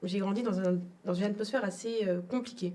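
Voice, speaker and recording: As a guest in an interview, a young woman from Togo reflects on her own story, hesitating frequently and repeating words. Recorded from a distance, her warm, mid-range voice talks fairly quickly with fairly even intonation.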